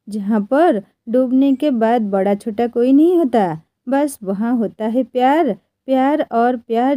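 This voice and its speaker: A woman narrating a scripted romantic story in a slow, even storybook manner. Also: a little high, no echo.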